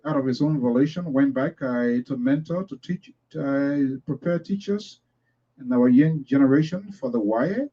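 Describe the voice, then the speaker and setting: A man's voice: mid-range voice, a little mellow. Emphatic male host, lo-fi sound. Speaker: program host. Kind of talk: broadcast commentary. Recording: dull lo-fi sound.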